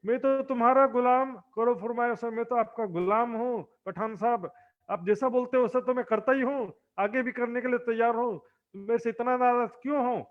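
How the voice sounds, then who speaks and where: A man's voice: extremely high pitch, normal speed. A man voicing a frightened, groveling man who pleads for mercy, in a dull lo-fi recording. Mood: pleading.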